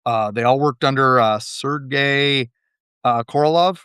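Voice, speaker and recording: Telling history in a loose, rambling way, a male podcast host laughs frequently and leans on fillers. His medium-pitched voice is fairly bright and clean, with a measured pace. The recording is dry, with clean studio sound.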